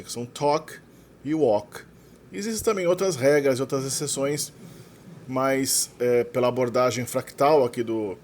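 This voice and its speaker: A man with a Brazilian Portuguese accent teaching a recorded lesson, explaining slowly and deliberately and repeating each example word. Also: medium pitch, a little mellow, a little hiss or hum. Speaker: language teacher.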